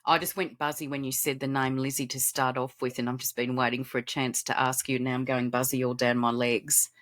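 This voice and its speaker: Casting: Australian woman, very deep voice, reassuring advice-giver. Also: level tone, fairly quick, a bit bright. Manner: reassuring, explains steadily. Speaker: animal communicator guest. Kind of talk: casual interview advice.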